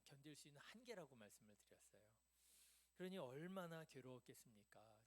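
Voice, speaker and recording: A man preaching a midweek sermon in a church, conversational, asking the congregation questions and answering them himself. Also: medium pitch. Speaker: pastor. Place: church sanctuary.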